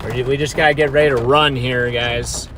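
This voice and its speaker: A man's voice: mid-range voice, steady tone, brisk, pushed and bright. Man live storm chasing, noisy vehicle background. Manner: informal, urgent watchful narration, repeating himself. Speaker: storm chaser livestreamer. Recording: clear vehicle and ambient noise. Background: vehicle and outdoor ambient noise.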